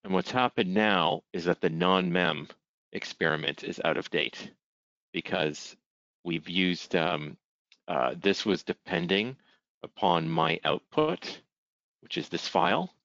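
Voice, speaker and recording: Deep, gravelly man narrating a screen recording. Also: sing-song, takes it slowly, fairly bright tone, no room sound, highs cut off. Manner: step-by-step, methodical. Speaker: software presenter. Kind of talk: narrating a screen-share software demo.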